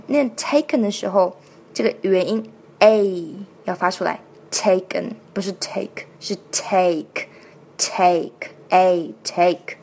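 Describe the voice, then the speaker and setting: A woman teaching how to sing a song, explaining sounds in detail and repeating each word slowly several times to demonstrate. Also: mid-range voice, slight background noise. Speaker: singing and pronunciation teacher. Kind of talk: step-by-step song pronunciation lesson.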